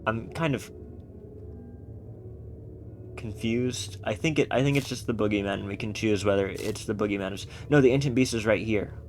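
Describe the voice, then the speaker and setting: A man with a fairly low voice gives casual commentary on a strategy game, planning out loud. He reads the on-screen text as he goes, with faint music playing behind him. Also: moderate pace, long pauses. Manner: thinking aloud, loosely planning moves. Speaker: let's play streamer.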